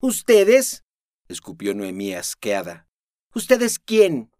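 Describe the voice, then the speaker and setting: A man's voice: low-pitched, level tone, normal speed, dry recording, studio quality, lightly acted. A man narrating an audiobook, voicing an indignant female accountant. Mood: disgusted. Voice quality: sharp, indignant. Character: indignant middle-aged woman accountant.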